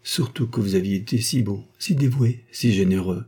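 A man's voice: on the low side, normal speed, a little mellow, slightly rough. A man voicing a carefree young woman who pleads and whines tearfully in a story reading.

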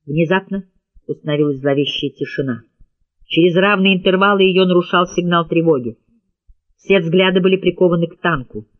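A man's voice: sits high, fairly quick, narrow, tinny audio. Man narrating a tense audiobook. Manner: tense, dramatic reading. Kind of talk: scripted narration.

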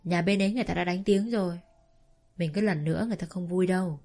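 A woman voicing a gentle older father who earnestly pleads with his daughter, in a family story. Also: fairly low pitch, fast talker, faint music behind.

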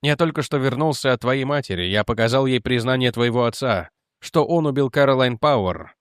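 A man voicing Reggie, a weary quiet detective. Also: mid-range voice, no echo, studio quality, close to an everyday voice. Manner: quiet, measured.

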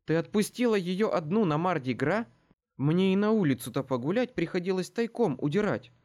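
A hard-edged woman fires back at her family, sharp and indignant, her voice jumping high and lively, as a man reading a storybook puts her on. She sounds blunt and unyielding. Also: brisk, natural voice. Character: tough, blunt woman, the elder daughter.

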